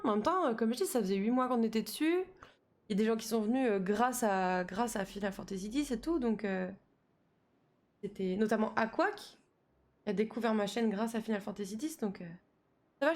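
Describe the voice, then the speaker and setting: A woman's voice: on the high side, expressive, fairly quick. A young woman chatting casually with her live-stream audience while she plays, full of slang and fillers.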